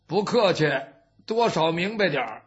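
A storyteller putting on a gruff brash old-style warrior, blunt and boastful, high lively voice swinging all over, on a dull lo-fi recording. he scoffs at everything. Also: normal speed. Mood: offhand. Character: blunt brash middle-aged male warrior.

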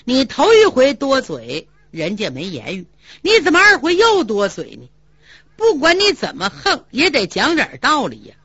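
A woman storyteller voices a composed male leader who scolds in a measured tone. His voice sits low and hushed, and the recording is dull and lo-fi. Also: wildly swooping pitch, husky, no echo, full character voice. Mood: reproving. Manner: measured, reproving. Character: calm authoritative male leader. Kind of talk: traditional storytelling performance.

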